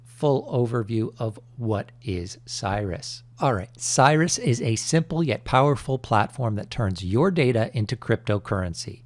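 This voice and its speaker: A man hosting a crypto channel in an energetic, chummy crypto-bro manner, pitching with emphatic salesman hype. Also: unhurried, hardly any pauses, no echo. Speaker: YouTube crypto channel host. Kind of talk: energetic promotional vlog commentary.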